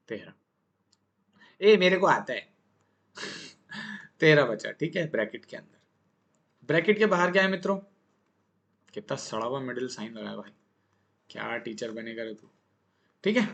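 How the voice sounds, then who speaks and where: A man's voice: on the high side, a bit bright. A male maths teacher giving a casual, chatty lesson, joking and asking the class questions as he works.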